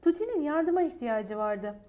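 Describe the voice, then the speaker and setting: Woman storyteller, high voice, gentle expressive read-aloud for kids. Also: moderate pace. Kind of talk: children's story reading.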